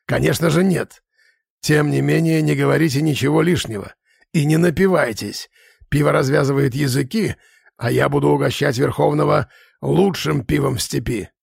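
A man voicing a stern old male orc shaman, with a gravelly, husky delivery and a grumbling, commanding manner in an audiobook. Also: a little high, moderate pace, no echo, studio quality, full character voice. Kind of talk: audiobook character voice.

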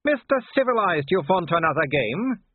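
A man's voice: sits high, sing-song, moderate pace, slightly rough, dry recording, pitched above the performer's own voice, full character voice. A man voicing a gleeful, taunting young male werewolf in an audiobook reading, with a sing-song mocking manner. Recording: tinny phone-like audio.

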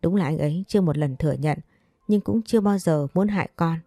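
Woman reader as a curt, weary young man in a storybook; low, mellow, faint music behind. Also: a little fast, no echo, studio quality.

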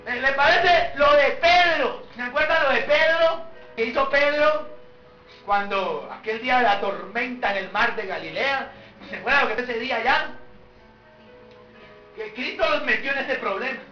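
A man's voice: very high-pitched, lively intonation, moderate pace, pushed and bright, soft background music. A man preaching a sermon, telling the story with animation and throwing rhetorical questions at the congregation. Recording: echoey hall, distant mic, dull lo-fi.

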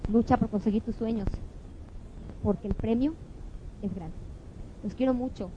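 An earnest woman gives a motivational talk to a live audience. Her voice sits a little high for a woman. She tells her stories with feeling. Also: normal speed, muffled recording, a little hiss or hum. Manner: earnest, tells stories acting out the people in them. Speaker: motivational speaker.

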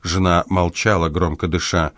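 A man reading an audiobook in a measured, even delivery. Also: low voice, no echo, clean studio sound. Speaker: audiobook narrator. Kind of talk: scripted audiobook narration.

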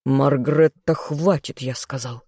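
An audiobook reader voicing a weary, stern king who speaks calmly and condescendingly. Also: medium pitch, slow, husky, no echo, clean studio sound. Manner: calm, condescending, firm. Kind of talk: audiobook role reading.

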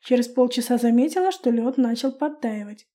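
A woman narrating a first-person fantasy audiobook with a lively, expressive reading. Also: a little high, brisk.

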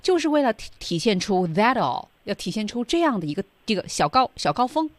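A woman's voice: fairly high pitch, sing-song, quick pace, dry recording. A woman co-hosting a radio language lesson, guiding listeners with friendly reminders. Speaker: co-host.

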